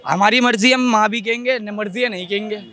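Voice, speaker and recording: Male passerby, fairly high voice, defensive, argues back. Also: fairly quick, bright, forceful tone. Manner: defensive, argumentative. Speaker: interviewee. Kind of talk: street interview answers.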